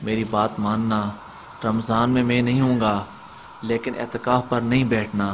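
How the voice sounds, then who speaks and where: A man's voice: medium pitch, flat delivery, moderate pace, slight background noise, lightly acted. A man playing a male devil who keeps coaxing a boy, repeating his name over and over in a wheedling way.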